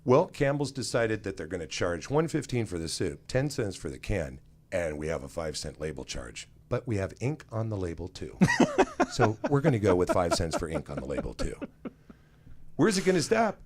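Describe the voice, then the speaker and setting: A man's voice: low voice, wildly swooping pitch, moderate pace. A man co-hosting a talk show, ranting in an exasperated, mocking way and laughing at his own jokes. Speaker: co-host. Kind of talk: casual comedic rant. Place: radio studio.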